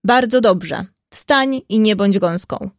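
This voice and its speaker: A proud, hot-tempered young gentleman from an audiobook, stubborn and indignant, as a woman narrator voices him. The voice sits at a middle pitch. It is recorded close and dry, with no room sound. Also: slow pace, no room sound.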